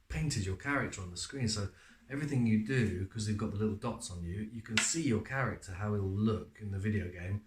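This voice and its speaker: Man, actor in a casual interview, slightly low voice, chatty and loose, roomy echo. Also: a little hiss or hum. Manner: relaxed, chatty storyteller with frequent fillers.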